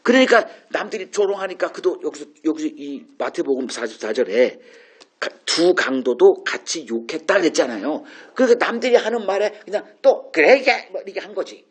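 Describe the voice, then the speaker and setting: A man with a husky, slightly breathy voice delivers a conversational sermon as a pastor. He talks through a Bible passage in an informal, musing way, often asking rhetorical questions before answering them himself. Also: a little high, expressive, brisk.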